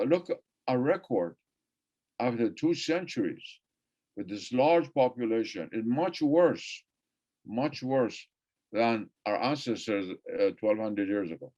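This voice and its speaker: Heard through muffled, low-fidelity audio, a warm, lowish male voice belongs to an older Persian-speaking man giving an academic lecture. He meanders across topics, restating phrases for emphasis.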